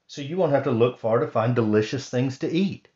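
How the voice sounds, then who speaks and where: A man voicing a sweet, upbeat little mouse with a squeaky voice, in a storybook reading. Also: fairly quick, darkish tone, dull audio, natural voice.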